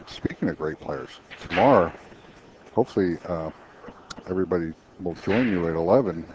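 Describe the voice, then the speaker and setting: A man's voice: deep voice, expressive, moderate pace, a little mellow. A man commentating a pool match in a chatty way, explaining shots with frequent restarts. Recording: dull lo-fi stream audio with faint noise.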